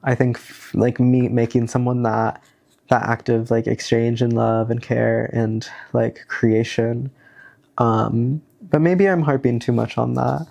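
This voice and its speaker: A young man vlogs with a cold, his stuffy, nasal voice sitting mid-range with a flat, measured, creaky, darkish delivery. Reading a self-help worksheet aloud in a casual way, he rambles, hesitates, and uses plenty of fillers.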